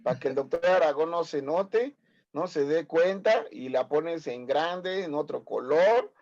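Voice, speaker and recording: A man's voice: a little high, animated, measured pace, darkish tone, highs cut off. A man in his fifties with a Mexican accent, teaching a medical class online, teasing and quizzing his students. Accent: Mexican Spanish. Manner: teasing, corrects students, asks many quiz questions.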